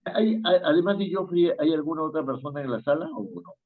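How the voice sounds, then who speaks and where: A man's voice: fairly high pitch, lively intonation, a little fast. A man teaching an online spelling class, patient and questioning, chuckling now and then. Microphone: video call. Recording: tinny phone-like call audio.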